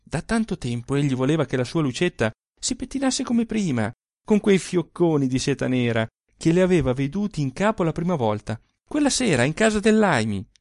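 A male audiobook reader telling a literary tale with theatrical flair, his gravelly voice sitting fairly high and moving in lively swings. The sound is dry and close, with no room around it. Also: fairly quick, dry recording. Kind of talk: expressive literary narration.

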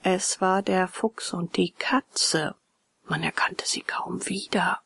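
A woman narrating a children's storybook aloud in an expressive way. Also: fairly low pitch, slow pace, creaky, slightly rough, dry recording, whispered, studio quality.

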